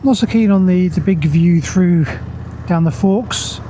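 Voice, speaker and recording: A motorcycle reviewer rides on the road outdoors, musing aloud into a helmet mic in casual, understated motovlog commentary. His voice sits high, a little slow and mellow, amid engine and road noise.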